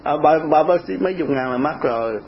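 An older man with a Southern Vietnamese accent, telling stories in an animated, lively way in casual chat, often laughing. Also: fairly high pitch, fairly quick, a crowd in the background. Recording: muffled lo-fi tape with faint hiss.

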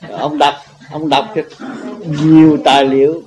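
A man's voice: on the high side, level tone, unhurried, dull audio, crowd noise. A man giving an informal spiritual teaching, rambling and repeating himself, laughing now and then. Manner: rambling, repetitive, laughs often. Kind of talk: informal religious teaching talk.

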